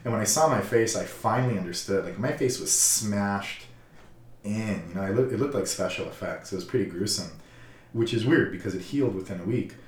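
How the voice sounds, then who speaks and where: Calm male counselor, low voice, reflective and halting; roomy, slightly distant sound. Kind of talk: casual personal storytelling.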